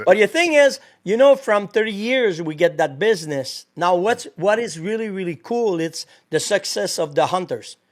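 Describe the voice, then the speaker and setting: A man with a French accent, a native French speaker, talking as a podcast guest in an animated way, laughing often and searching for English words. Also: sits high, normal speed, few pauses. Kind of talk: casual interview.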